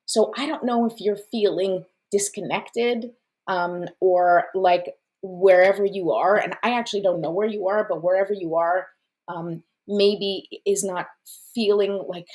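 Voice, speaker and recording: With a steady, slightly mellow medium-pitched voice and a measured pace, a woman hosts a casual live stream reading oracle cards. Her first language was Portuguese, and she talks effusively with frequent fillers and small laughs.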